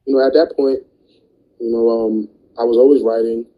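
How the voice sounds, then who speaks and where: A man's voice: mid-range voice, fairly even intonation, normal speed, muffled recording. A man, a music artist and producer, talking in a laid-back, slangy way in an interview, full of "you know what I mean". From New Jersey. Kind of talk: casual interview talk.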